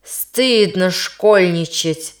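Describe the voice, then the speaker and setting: A woman's voice: medium pitch, expressive, a little slow, close to an everyday voice. A woman voicing a middle-aged male teacher, strict and scolding in formal speech, kind underneath but worn out by his class. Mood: exasperated.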